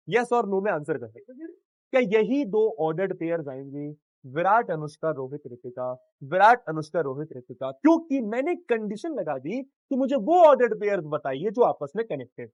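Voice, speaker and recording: A man teaching math in a live online class, talking fast and drilling students with repeated questions, teasing and scolding them in a lively way. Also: high voice, no echo, low-quality recording. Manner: energetic, repetitive drilling, scolds students playfully.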